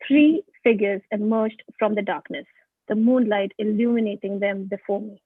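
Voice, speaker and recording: A woman's voice: medium pitch, normal speed, husky, no echo. A woman reading a horror story aloud for a book club, stumbling and restarting now and then. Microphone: video call. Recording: tinny phone-like call audio.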